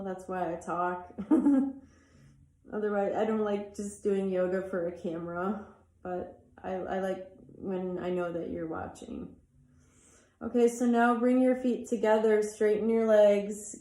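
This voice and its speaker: A woman leads a yoga class, giving pose cues in a mellow, tired voice. She chats between instructions as if her students were in the room. The room gives her voice a noticeable echo. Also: medium pitch, fairly even intonation, takes it slowly. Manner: chatty, apologizes for talking too much. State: tired, yawning. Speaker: yoga teacher. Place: athletic club room.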